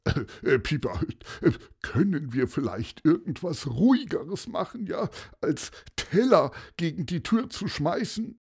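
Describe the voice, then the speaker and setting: A man's voice: fairly high pitch, big pitch swings, measured pace, darkish tone, slightly rough, voice pushed up, exaggerated voice. A man voicing a bewildered, stammering friend in a children's audio story. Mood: startled. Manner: stammering, protesting.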